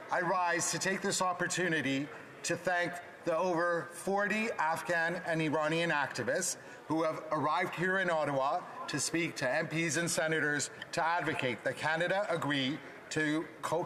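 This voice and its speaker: A man with a fairly high, forceful voice reads a formal political statement as a member of parliament. Faint background noise of the chamber sits behind him. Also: normal speed. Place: legislative chamber.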